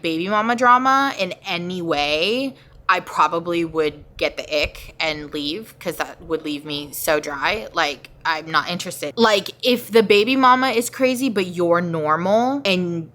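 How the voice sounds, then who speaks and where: A thirty-year-old woman chatting through a Q&A vlog, candid and open, with lots of "like" in her talk. Her voice sits a bit low but sounds bright and forceful. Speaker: vlogger answering viewer questions. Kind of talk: casual Q&A vlog.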